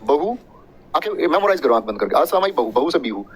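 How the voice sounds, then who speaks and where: A man's voice: a little high, big pitch swings, fast talker, breathy edge, low-quality recording. A man teaching an exam-prep class, joking and chatty, drilling points with repetition and mnemonic stories.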